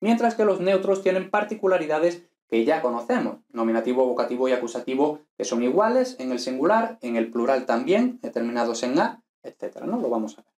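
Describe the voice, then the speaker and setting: A man's voice: medium pitch, fairly quick, reverberant. A man giving an online lesson as a teacher, explaining step by step and checking in with his listeners often. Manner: relaxed explaining with frequent "¿vale?" tags. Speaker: Latin teacher.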